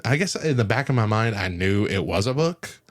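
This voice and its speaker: Animated man hosting a podcast. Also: on the low side, normal speed. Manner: animated, laughs often, loose rambling asides. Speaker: podcast host. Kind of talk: casual podcast chat.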